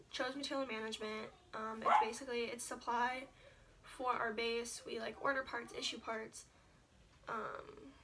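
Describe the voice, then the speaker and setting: A young woman talks to the camera in a bright, gravelly voice, chatty and loose, packed with "like" and "um". Her pitch sits a little high and barely moves, staying flat through the whole telling. The camera is set a bit back in a room at home, with faint hum underneath. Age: young adult. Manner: chatty, lots of "like" and filler. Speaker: vlogger. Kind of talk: casual sit-down story to camera. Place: indoors at home, seated. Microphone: camera set a little far away.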